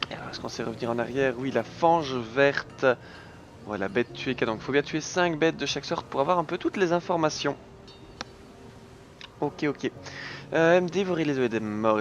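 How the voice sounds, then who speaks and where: A man's voice: mid-range voice, highs cut off, a little hiss or hum. A man hosting a casual let's play, reading the game's text aloud and tossing in dry little asides. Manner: reads game text aloud with dry quips. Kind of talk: casual gameplay commentary.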